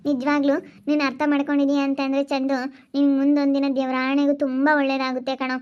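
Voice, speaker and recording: A woman's voice: high-pitched, completely flat delivery, fast talker, close to an everyday voice. A woman playing sorrowful jilted young woman. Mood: heartfelt. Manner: heartfelt pleading talk. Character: wronged young village woman, grateful and sorrowful. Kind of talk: amateur village skit acting. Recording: dull lo-fi sound.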